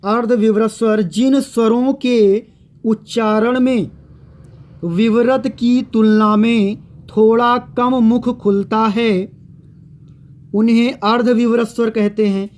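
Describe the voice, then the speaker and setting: A man teaching a grammar lesson, speaking slowly and patiently and repeating each definition so that students can write it down. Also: extremely high pitch, steady tone. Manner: slow and patient, repeating definitions for note-taking. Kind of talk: classroom lecture on grammar.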